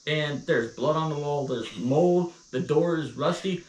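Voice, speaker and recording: A man's voice: a little high, unhurried, a little hiss or hum. Casual American man, roomy distant mic. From Missouri, United States. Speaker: co-host of a couple's live chat. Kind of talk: casual chat storytelling.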